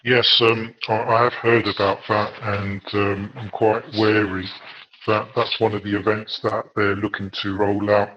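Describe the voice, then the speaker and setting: Low monotone english guy, slow and hesitant with lots of ums, sounds muffled and lo-fi. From England. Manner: measured, hesitant with frequent fillers. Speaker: guest researcher. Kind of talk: interview answers. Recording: dull lo-fi audio.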